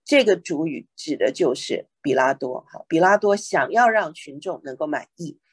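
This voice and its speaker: A woman teaching a Bible lesson in two languages. She reads English verses slowly and then explains them, with frequent "OK" fillers. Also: deep voice, a little mellow, slightly rough, no room sound.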